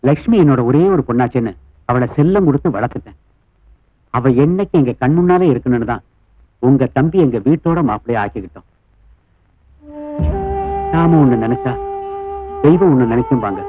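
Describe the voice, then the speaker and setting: A man's voice: mid-range voice, lively intonation, a little fast, pauses often, lightly acted. An older man playing a devoted father who entrusts his daughter to her new family, speaking in a solemn, pleading way. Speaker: bride's father. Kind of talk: dubbed film drama. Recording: tinny phone-like dub over loud film music.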